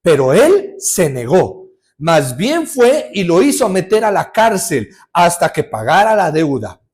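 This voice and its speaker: Male pastor, high-pitched and lively, jokes through his sermon storytelling. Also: measured pace. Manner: lively storytelling with humor and rhetorical questions.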